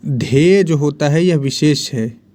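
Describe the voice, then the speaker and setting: A man's voice: on the high side, a little slow, dark tone. A man teaching Hindi spelling and grammar for exams, repeating each word and answering his own questions. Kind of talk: exam-prep lesson.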